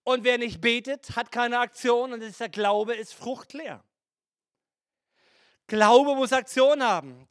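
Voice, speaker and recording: High-voiced man preaching slowly. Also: a bit bright, dry recording, studio quality. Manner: preaching with acted asides and playful mimicry. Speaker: pastor. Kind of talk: sermon.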